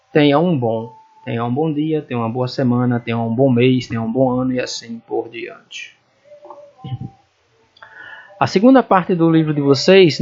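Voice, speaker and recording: A man with a Brazilian Portuguese accent teaching an English lesson, explaining slowly and repeating phrases as he checks that the students follow. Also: mid-range voice, darkish tone, lo-fi sound. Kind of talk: recorded classroom lesson.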